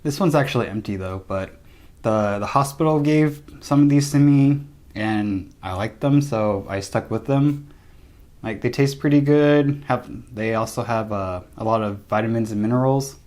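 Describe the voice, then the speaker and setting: A young man talking casually to camera in a low-key, conversational way, sharing tips as a vlogger. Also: moderate pace, darkish tone. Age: young adult. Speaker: vlogger giving recovery tips. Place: small room indoors, seated at a table.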